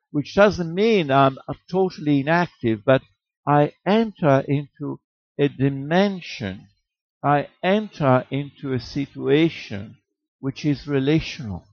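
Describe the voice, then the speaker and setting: A man delivers a sermon in a gravelly, fry-edged voice, piling up phrases and asking rhetorical questions. The recording is dry and a little muffled, with no room sound. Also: medium pitch, no room sound. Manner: rhetorical, repeats words for emphasis, jokes with chuckles. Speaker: preacher.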